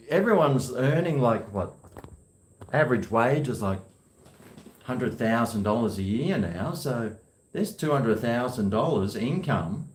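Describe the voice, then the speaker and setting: A man's voice: medium pitch, a little mellow. A man with a broad New Zealand accent, chatting casually and rambling to himself in slangy talk at home. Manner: chatty, self-talking, slangy. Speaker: vlogger. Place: indoors at home. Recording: echoey room.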